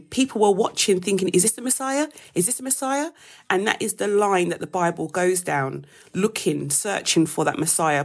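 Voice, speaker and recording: Hosting a live daily devotional, a woman with a croaky voice on the low side prays and then teaches a Bible verse in a casual, chatty manner.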